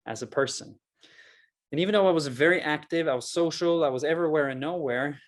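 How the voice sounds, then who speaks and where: A man in his thirties from rural Norway gives an earnest, personal presentation in Norwegian-accented English, using deliberate, emphatic pauses. His pitch is medium, and he is a public speaker who founded a mental health project.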